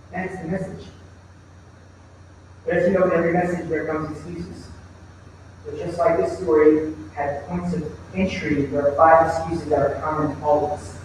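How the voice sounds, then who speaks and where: A man's voice: sits high, a little hiss or hum. A man preaching a sermon in a church, telling stories and acting out the voices in them. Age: adult with a child. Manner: storytelling, acts out quoted voices. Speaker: pastor. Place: church sanctuary. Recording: echoey church hall from far off.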